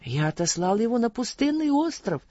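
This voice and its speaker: A corrupt older judge, acted by the audiobook reader, cornered and evasive under questioning. His voice swings between hushed and shrill. The sound is muffled and dry. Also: big pitch swings, normal speed, no echo. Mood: timid. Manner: timid, evasive.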